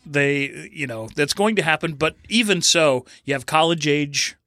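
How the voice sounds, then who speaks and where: A man with a bright, forceful voice pitched a little high, talking insistently on a casual podcast. The sound is close and dry. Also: lively intonation, moderate pace, no echo. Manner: emphatic, insistent storyteller. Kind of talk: casual chat.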